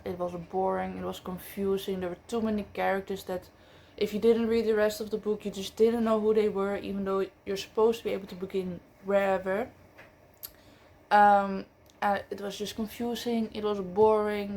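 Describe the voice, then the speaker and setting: This woman reviews books in a relaxed, chatty way, often using fillers and correcting herself, since English is her second language. She vlogs about books in a mid-range voice that's a little mellow, with some vocal fry.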